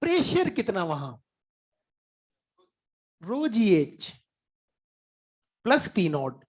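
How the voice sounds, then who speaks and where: With a high voice, wildly swooping pitch and drawn-out words, a man teaches physics in a relaxed, talkative way. He slips English terms into his speech, clears his throat now and then, and coaxes students by asking if they followed.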